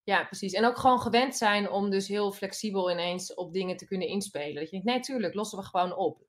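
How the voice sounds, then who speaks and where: A woman's voice: mid-range voice, fast talker. A woman guest in a casual interview, rambling with restarts and frequent agreement. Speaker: touring performer, guest.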